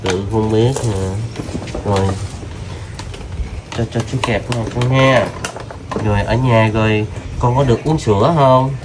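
A man's voice: on the low side, unhurried, long pauses. Coaxing man interviewer. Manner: gentle, coaxing questions with many fillers. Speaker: vlogger interviewing a child. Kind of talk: casual street interview. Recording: outdoor video with noticeable background noise.

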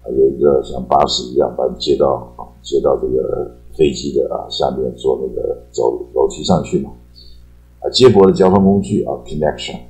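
A man giving a casual, chatty English vocabulary lesson. He repeats key words and ends his phrases with a drawn-out particle. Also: very deep voice, mellow, low-quality recording. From Taiwan. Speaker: English teacher. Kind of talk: casual explanatory lecture.

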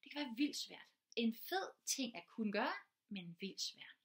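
A woman's voice: on the high side, big pitch swings. A woman teacher giving an informal talk, earnest and explanatory, building her points from everyday examples. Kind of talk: informal lecture.

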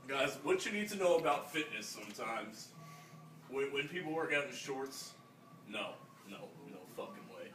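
A man's voice: mid-range voice, animated, normal speed, a bit bright, distant mic, slight background noise, close to an everyday voice. A young man playing a brash, crude 1980s fitness instructor in a swaggering, rambling comedy sketch. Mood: cocky, boastful. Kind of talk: improvised mock-interview comedy sketch. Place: small indoor room. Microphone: phone camera a few feet away. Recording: echoey room, off-mic phone video.

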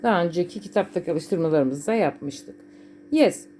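A woman English teacher with a Turkish accent, explaining simple adjectives in Turkish and stressing slow, repeated English examples for learners. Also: lowish voice, expressive, warm tone, slight background noise.

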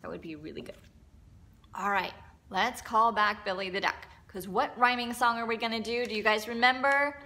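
A woman's voice: fairly high pitch, normal speed, bright, forceful tone. A middle-aged woman teaching preschool circle time in an encouraging, instructional kindergarten teacher voice, as if speaking to young children. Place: indoor classroom.

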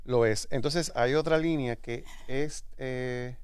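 A man hosting an interview, affable and playful, quick to agree with his guest. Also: mid-range voice, fairly even intonation, darkish tone, clear, resonant tone, no room sound, clean studio sound. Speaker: host. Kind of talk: conversational interview.

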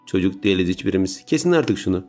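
A man's voice: low voice, expressive, fast talker, soft background music. A man voicing a bitter, mocking teenage girl in a story reading. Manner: mocking, sharp.

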